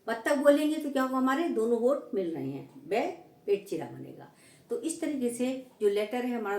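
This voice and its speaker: A woman's voice: on the high side, darkish tone. A woman teacher giving a grammar lesson, explaining patiently and often checking in with her students. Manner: explanatory, repeats "ठीक है" to check understanding. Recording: echoey room, voice from a distance.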